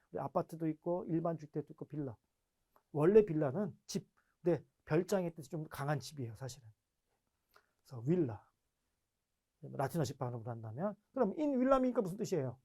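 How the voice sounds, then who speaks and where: A man teaching an online grammar lecture in a chatty classroom way, asking rhetorical questions and repeating drilled word forms. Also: sits high. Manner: chatty, explaining in a lively classroom way.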